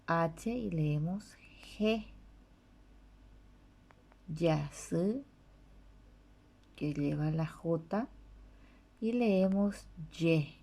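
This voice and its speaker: A woman teacher works through a lesson, naming letters and sounding out their syllables with careful repetition. Her voice is dark and gravelly, and she speaks at a very unhurried pace with a slightly low pitch. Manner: spells out letters and syllables one by one, repeating each. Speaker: language teacher. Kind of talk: slow read-aloud language lesson.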